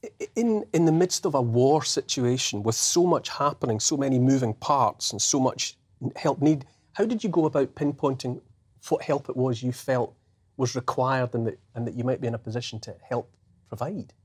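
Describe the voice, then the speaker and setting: A man presenting a broadcast interview in a polished, measured way. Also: medium pitch, slightly rough.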